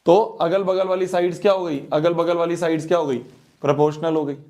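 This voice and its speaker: Young guy teacher, bit high voice, keeps repeating stuff and asking if it's clear. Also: steady tone, brisk, dark tone. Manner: repeats phrases, checks if students follow. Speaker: math teacher. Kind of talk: exam-prep math lesson.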